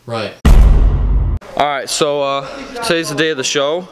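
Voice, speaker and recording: A young man chatting casually into a handheld camera, sounding hurried as he vlogs backstage. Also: a little high, music in the background. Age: young adult. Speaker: vlogger, performer. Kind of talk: casual handheld vlog chat. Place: backstage and in school auditorium. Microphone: camera held at arm's length. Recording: noisy handheld camera audio.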